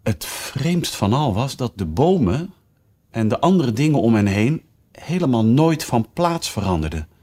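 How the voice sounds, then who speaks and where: A man reading a children's storybook aloud, narrating in an expressive way. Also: mid-range voice, unhurried.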